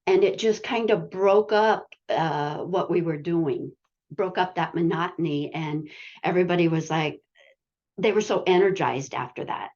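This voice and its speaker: On a video call, a woman who teaches adult education casually tells a story from her classroom, chatty, full of fillers, and laughing as she goes. Her voice is fairly low and a little mellow, her pace measured, and the audio dull.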